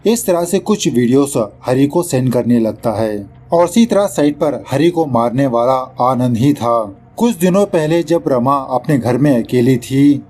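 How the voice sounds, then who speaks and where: A man's voice: mid-range voice, lively intonation, a little slow, few pauses, mellow, slight background noise. A man narrating a film recap in a casual, chatty voice-over, slipping English words into his telling and poking fun at the director. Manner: mocks the film's director mid-story. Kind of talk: casual movie explanation voice-over.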